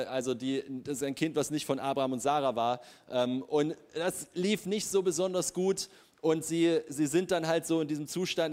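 A man's voice: fairly high pitch, a little mellow. A man preaching a casual, humorous sermon in church, often laughing as he tells the story.

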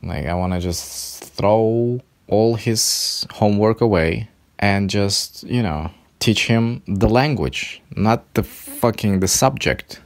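Man, English tutor, very deep voice, slow, profane ranting podcast talk. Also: vocal fry. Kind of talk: casual podcast monologue.

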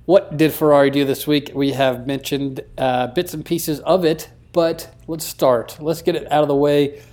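Mellow-voiced man reading podcast news. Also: on the high side, steady tone, normal speed, faint music behind. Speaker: podcast co-host. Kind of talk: casual podcast chat.

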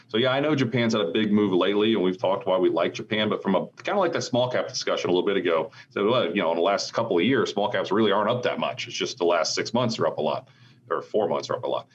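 A man's voice: on the low side, fast, breathy edge, highs cut off. An American man hosting a podcast, chatting casually about business in a rambling, conversational way full of asides. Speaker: podcast host. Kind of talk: casual market commentary chat.

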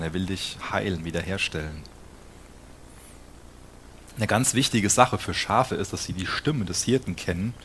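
Guy preaching a sermon, lowish voice, earnest, asks the listeners questions, faint room hum behind.

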